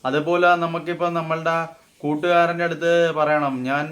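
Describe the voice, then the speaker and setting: A man teaching Hindi walks through everyday phrases in a relaxed lesson, his voice a bit high for a man. Every example comes out slow and deliberate before he breaks it down conversationally in Malayalam.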